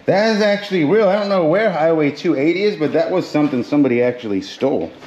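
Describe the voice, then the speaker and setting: A man's voice: fairly high pitch, lively intonation, fast, darkish tone, lo-fi sound. Chatty man vlogging in a noisy container. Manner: chatty, joking, thinking aloud. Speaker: storage auction reseller. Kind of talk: casual vlog narration. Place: metal storage container, indoors.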